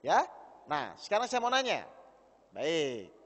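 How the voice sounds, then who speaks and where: A man's voice: fairly high pitch, wildly swooping pitch, slow pace, fairly bright tone. A male preacher giving an interactive religious talk to a gathering of women, teasing them and asking them questions over and over. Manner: teasing, keeps questioning the audience. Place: gathering hall with an audience of women. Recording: long hall reverb.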